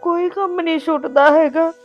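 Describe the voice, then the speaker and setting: A woman's voice: very high voice, fairly even intonation, moderate pace, highs cut off. An actress playing a grieving mother who weeps and consoles her family in a short drama. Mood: tearful. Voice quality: tearful, wailing lament. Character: grieving middle-aged mother, tender and weary. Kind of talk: emotional village drama acting.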